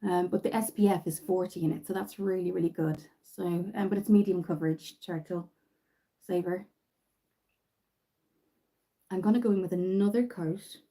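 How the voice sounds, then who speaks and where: Irish woman, casual home makeup livestream, warm, rambling, chatty. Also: fairly low pitch, moderate pace, pauses often, poor audio. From Ireland. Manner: chatty, rambling, many fillers and restarts. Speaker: makeup vlogger. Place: bedroom at home.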